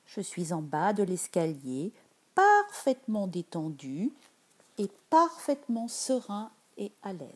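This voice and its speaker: A woman leading a guided meditation in a soft, soothing voice that drifts into whispers. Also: mid-range voice, wildly swooping pitch, takes it slowly, breathy edge.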